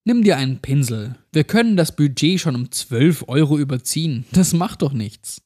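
A man's voice: on the high side, expressive, moderate pace, dark tone. Man doing an upbeat young wife. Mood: reassuring. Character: cheerful young wife renovating a cabin, upbeat.

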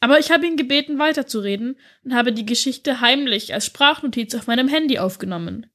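A woman's voice: fairly high pitch, fairly quick, a bit bright. A woman voicing a tearful, earnest teenage schoolgirl who speaks in a pleading way.

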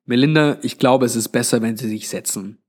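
A man's voice: mid-range voice, a little fast, close to an everyday voice. Guy doing a sulky young dude around twenty, sarcastic, mutters back at the old lady. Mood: grave. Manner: mocking, sulky. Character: mocking sullen young man, about twenty.

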